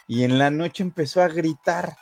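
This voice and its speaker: A man's voice: fairly high pitch, moderate pace, soft background music. Mexican man telling a laughing anecdote. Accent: Mexican Spanish. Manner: laughing anecdote teller, says "órale". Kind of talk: casual chat.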